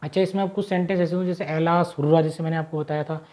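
A man teaching a grammar lesson, patiently repeating his example sentences and saying them slowly and drawn out before explaining them more briskly. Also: fairly high pitch, steady tone, a little mellow.

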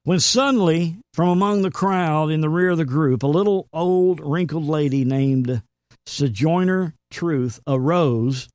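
A man's voice: fairly high pitch, darkish tone, dry recording, clean studio sound. A man hosting a faith show, preaching earnestly and quoting scripture. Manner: earnest, emphatic, quotes scripture. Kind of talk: sermon-style commentary.

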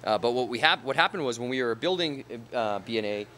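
This thirties-aged bar owner gives a casual on-site interview, his mid-range voice fast, bright, pushed, and lively in intonation, peppered with "you know" and "um." The handheld reporter mic follows him from a street outside into a big bar and bowling hall.

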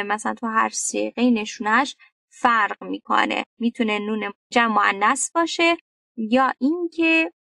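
A woman with a Persian accent teaching Arabic verb conjugations in an online lesson. She talks to her students directly, with lively emphasis, and recites verb forms in sequence. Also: fairly high pitch, no echo, clean studio sound, far from the mic.

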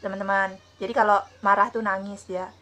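A woman's voice: medium pitch, flat delivery, a little fast, a bit bright, slight background noise. A young woman hosting her own vlog, chatty, asking her mother questions and talking straight to her viewers. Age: young adult. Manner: chatty, asks questions and addresses viewers directly. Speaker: vlogger host. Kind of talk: casual vlog chat.

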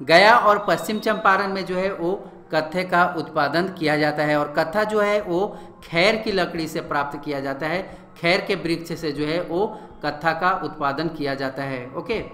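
Bright-voiced man teaching in an echoey room. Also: on the high side, normal speed. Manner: repetitive, filler-heavy explaining, frequent "okay". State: sore throat, slightly hoarse. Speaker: exam coaching teacher. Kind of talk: quiz-answer exam-prep lecture.

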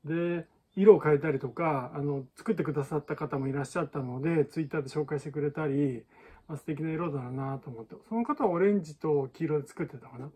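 Male balloon-art teacher, slightly husky, casual and chatty. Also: a little high, fairly quick, warm tone. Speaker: balloon artist. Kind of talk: casual tutorial chat.

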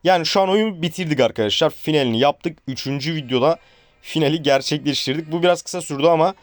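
A man's voice: fairly high pitch, fast talker, dry recording. Chatty man narrating a horror game. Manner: chatty, joking, addresses viewers as friends; shouts and pleads at a game character. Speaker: gaming YouTuber.

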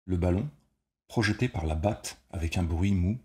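A man reads a short story aloud in a deep, low voice. His delivery is measured and steady, the even pace of audiobook narration. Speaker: reader.

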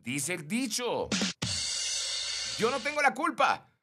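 A man's voice: high-pitched, slow pace, loud music behind the voice. A young Mexican man hosting a casual live stream, reading and greeting viewers by name. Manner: animated, greets viewers by name, mimics shrieks.

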